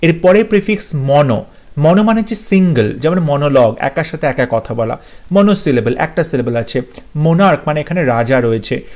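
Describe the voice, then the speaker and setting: Listing English words in turn, this teacher gives brief definitions and checks his students understand. His voice is slightly high and darkish, with lively intonation.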